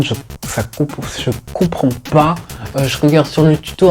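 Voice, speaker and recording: A man's voice: medium pitch, a little mellow. A young man vlogging in a casual, self-mocking way, full of fillers and restarts. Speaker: youtuber. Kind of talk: casual vlog chat. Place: indoors at home. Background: faint background music.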